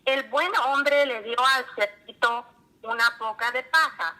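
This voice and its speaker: Lady reading a kids story, high bright voice, nice and slow. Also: low-quality recording.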